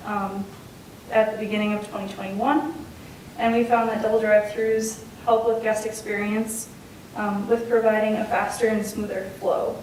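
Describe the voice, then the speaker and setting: A woman delivers a prepared, formal statement as a company representative. Her pitch is middling and stays flat, with a matter-of-fact manner. She sounds distant in a heavily reverberant room. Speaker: company representative presenting to a board. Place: indoor public hearing room. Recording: very echoey room, distant mic, faint rumble.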